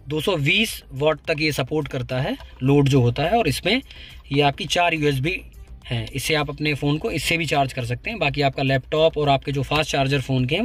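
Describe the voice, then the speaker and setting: A YouTube channel host with a fairly high, fairly bright voice demonstrates a car gadget from inside a parked car. He explains it step by step in a casual way, pointing at its parts.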